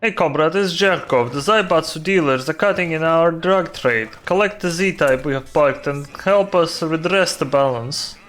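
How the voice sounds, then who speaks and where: A man voicing a gruff male Russian mob boss who gives orders and calls everyone comrade, in a put-on Russian accent. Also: on the high side, fairly bright tone, natural voice. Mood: commanding. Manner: slow commanding address to "comrade".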